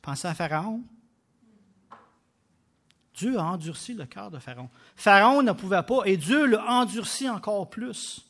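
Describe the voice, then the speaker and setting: A man with a Québécois French accent preaching a sermon, emphatic, with loud bursts and quiet drops. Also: sits high, expressive, a little slow, pauses often. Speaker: pastor.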